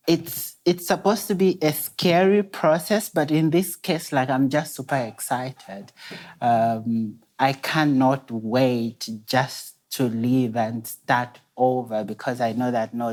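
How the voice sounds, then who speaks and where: A young man, a guest telling his personal story softly and hesitantly at a dinner table, with many pauses. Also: mid-range voice. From Zambia. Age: 20s. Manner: soft-spoken, hesitant, many pauses and restarts. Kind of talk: personal story in a talk show. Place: indoor dining room set at a table.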